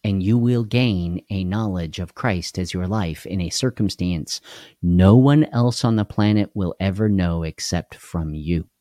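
Man, live devotional host, earnest, repeats phrases, warm low voice, dry room. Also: measured pace, no room sound.

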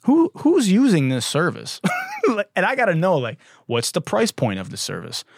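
A man hosts a comedy podcast in a sarcastic, profane rant, breaking into laughter often. His pitch swings widely as he jokes. The sound is dry and close. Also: wildly swooping pitch, moderate pace, creaky, no echo. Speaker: podcast host. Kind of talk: comedic talk monologue.

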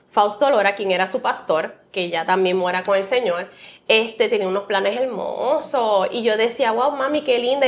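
A woman from Rico, sharing a heartfelt, faith-filled personal testimony as an interview guest. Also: mid-range voice. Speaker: guest, author.

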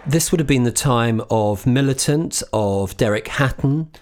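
Guy hosting an interview, calm leading questions, mid voice. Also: medium pitch, a little slow, a little hiss or hum.

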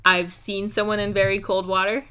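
A woman's voice: mid-range voice, little pitch movement, moderate pace, sharp tone, clear, resonant tone. A woman in her twenties co-hosting a podcast, giving dry, short, casual replies. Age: 20s. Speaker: podcast co-host.

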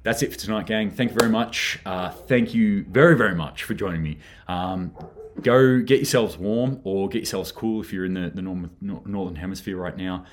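A man's voice: sits low, normal speed. A man hosting a daily preparedness news livestream, talking in a rambling, earnest way with lots of fillers and restarts. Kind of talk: casual livestream commentary.

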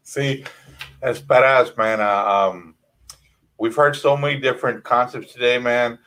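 A man's voice: medium pitch, fairly even intonation, measured pace, fairly bright tone, rough recording. A man hosting a casual interview, laid-back and peppering his questions with man. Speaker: host.

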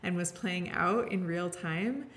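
A woman's voice: lowish voice, measured pace, slight background noise. A woman speaking earnestly and openly in a conversational interview, often restarting her sentences and filling them with "like". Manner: earnest, heartfelt, heavy use of "like" and restarts. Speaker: podcast guest sharing her story.

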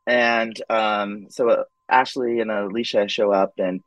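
A man telling his own story as a podcast guest in a casual, animated way, acting out quoted voices and often saying "like" and "um". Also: fairly low pitch, measured pace, dry recording, poor audio.

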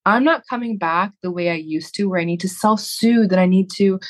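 A Canadian woman in her thirties appears as a podcast guest in a casual interview, speaking candidly and reflectively and often restarting her sentences. Her voice is medium-pitched and fairly quick.

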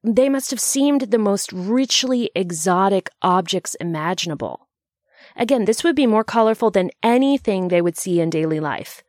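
A woman's voice: mid-range voice, lively intonation, moderate pace, a little mellow, no echo, clean studio sound. A woman narrating a scripted explainer in a bookish, conversational way, with wry asides.

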